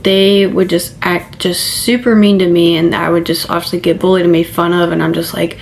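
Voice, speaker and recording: A woman's voice: on the low side, flat delivery, normal speed, vocal fry, a little hiss or hum. A woman in her early twenties, seated for a sit-down testimony talk, rambling casually and saying "like" a lot. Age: 20s. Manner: casual, rambling, heavy use of "like". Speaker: vlogger. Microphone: camera mic, seated.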